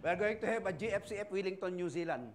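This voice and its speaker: A middle-aged Filipino pastor preaches to his church, mixing personal testimony with lively, acted-out voices. His voice sits high for a man, and he swings between loud outbursts and quiet asides. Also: quick pace. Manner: animated storytelling, acting out voices and shouting lines. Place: church service.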